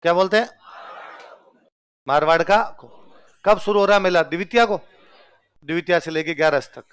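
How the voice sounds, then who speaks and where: At a moderate pace, a high-pitched man from Rajasthan delivers an exam-prep lesson in a clean, fairly bright tone. He uses call-and-response, asking question after question and answering each one himself.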